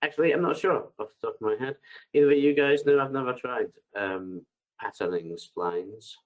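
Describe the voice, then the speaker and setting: Over a headset on a video call, a man with a bad cold and a congested, medium-pitched voice answers live webinar questions unscripted at a moderate pace. He's relaxed and hesitant, reading each question aloud before responding, and the audio is poor.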